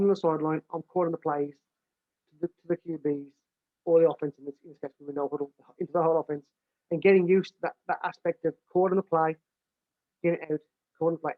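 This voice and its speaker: Heard through a dry, tinny, phone-like recording, a British man with a big, fairly high voice explains how he develops his staff as a football coach. His talk is plain and casual, with plenty of restarts and repeated words.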